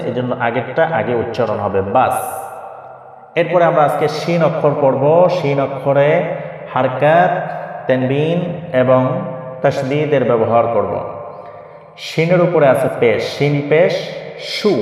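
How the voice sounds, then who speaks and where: A man teaching Quran reading, spelling out letter sounds in slow, repetitive drills. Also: a little high. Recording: very echoey room with long reverb.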